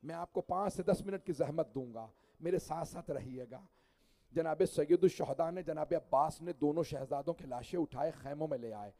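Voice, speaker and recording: A male cleric recites a mourning sermon with a high, carrying voice. His delivery is impassioned and elegiac. He sounds tearful at times and swells into wailing cries. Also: moderate pace, warm tone. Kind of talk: Shia majlis mourning sermon.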